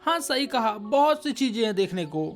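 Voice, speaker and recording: A woman voicing a kindly old man gardener with a tin leg, who talks gently and patiently like a father. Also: on the high side, sing-song, moderate pace, soft background music. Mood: fatherly.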